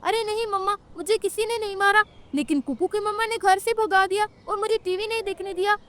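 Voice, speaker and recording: A woman's voice: extremely high pitch, brisk, fairly bright tone. A woman voicing a whiny, spoiled little boy crow in a cartoon story. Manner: whining, cheeky.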